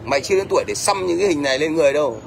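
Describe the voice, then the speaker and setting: Racing along in a fairly high, gravelly voice, a middle-aged Northern Vietnamese-accented man bluntly scolds a commenter during a livestream rant. He repeatedly asks "thấy chưa?" while faint noise sits in the background.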